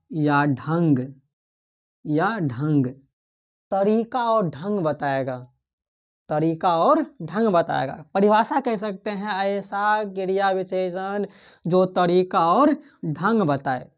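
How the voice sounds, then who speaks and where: Slow, deliberate woman teaching grammar. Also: lowish voice, expressive, dull audio. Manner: asks the class questions and repeats key terms. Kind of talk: exam-prep online lesson.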